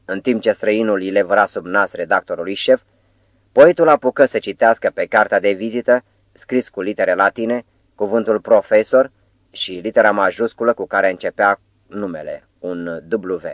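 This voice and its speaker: A man with a fairly low voice reads a literary novel aloud, steady and even. The recording is close and dry, with no room echo. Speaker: audiobook narrator. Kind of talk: literary audiobook narration.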